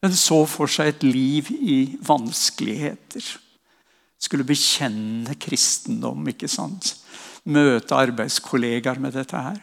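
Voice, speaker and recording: A man's voice: mid-range voice, vocal fry. Older man preaching in a reverberant hall. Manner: earnest storytelling, ends in slow prayer. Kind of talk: sermon testimony. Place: church hall.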